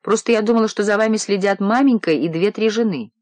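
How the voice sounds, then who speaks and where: A woman's voice: medium pitch, quick pace, darkish tone, no echo, voice pushed up, lightly acted. A male reader voicing Marina, an ill, proud young woman who speaks with dry, clipped sarcasm, in an audiobook. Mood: wry, feverish.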